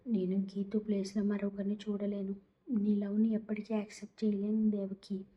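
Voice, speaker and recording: A woman voicing an angry young man who answers in sharp, clipped retorts. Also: medium pitch, monotone, normal speed, highs cut off, natural voice. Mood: curt.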